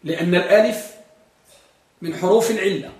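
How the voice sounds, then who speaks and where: A man leads a grammar lesson in a classroom. He asks his students questions and repeats each example slowly with stress. His voice sits high, and it is picked up from across an echoey room. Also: darkish tone, distant mic. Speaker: grammar teacher.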